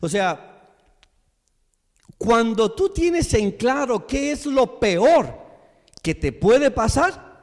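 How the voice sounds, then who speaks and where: A man preaching a sermon as pastor in a church, slow and emphatic, repeating his questions to the congregation. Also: very high-pitched, very animated. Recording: long church hall reverb.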